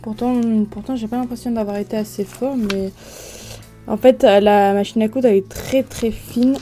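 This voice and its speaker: A woman from France walks viewers through a crafting project in a relaxed, chatty way. She often stops on fillers and starts her sentences over. Her voice sits fairly high yet sounds mellow and warm. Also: normal speed, soft background music. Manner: chatty, many fillers and restarts. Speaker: craft video creator. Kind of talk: casual crafting tutorial.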